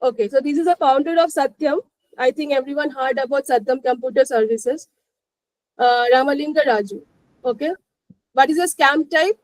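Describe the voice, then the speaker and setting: In a low-quality recording, a woman with an Indian accent and a high voice gives a live explanatory finance lesson at a moderate pace. She keeps repeating "you know" and "like" and checks that her listeners are following.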